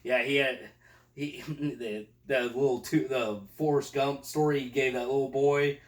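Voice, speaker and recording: A man's voice: medium pitch, steady tone, a little slow, roomy sound, recorded from a distance. A man casually chatting about a movie he loves, swearing freely and laughing as he recalls scenes. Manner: laughing, profane, quotes scenes in put-on voices. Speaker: podcast co-host.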